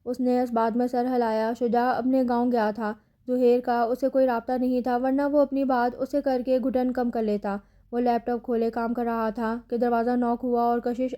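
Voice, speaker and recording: Brief: female audiobook narrator, Pakistani Urdu accent, fairly high voice, dark mellow tone, very even delivery. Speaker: novel narrator.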